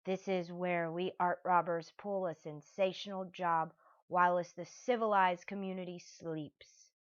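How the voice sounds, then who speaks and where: A scheming male art thief, read by a woman, speaking low and hushed with a slow drawl. The storybook reading is on a dull, lo-fi recording. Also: fairly even intonation, natural voice.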